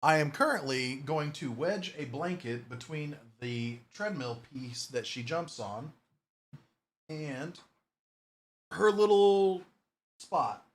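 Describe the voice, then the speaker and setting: A man's voice: a little high, lively intonation, slow pace, a little hiss or hum. A man giving casual, chatty gameplay commentary at home, swearing offhandedly and cooing at his cat. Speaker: Minecraft streamer.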